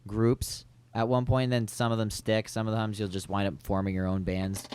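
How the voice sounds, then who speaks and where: A man's voice: fairly low pitch, flat delivery, brisk, darkish tone, slight background noise. A man chatting casually on a podcast, telling stories in informal, slangy speech. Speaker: podcast participant, musician.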